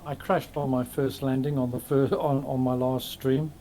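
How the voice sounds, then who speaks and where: A man's voice: medium pitch, little pitch movement, moderate pace, mellow, a little hiss or hum. A man who streams, talking casually and mocking himself on a group call. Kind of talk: casual voice chat.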